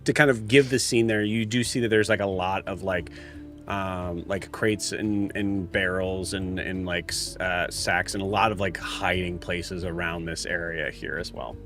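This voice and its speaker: A man acts as game master, improvising narration in a fairly low voice. He is casual and halting, often searching for words. Faint music plays behind him. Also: fairly even intonation, fairly bright tone.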